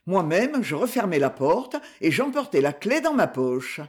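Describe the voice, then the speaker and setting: A man voicing a slight, calm husband who tells a grim story in a light, coolly ironic tone, read as an audiobook. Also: high voice, unhurried. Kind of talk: audiobook reading.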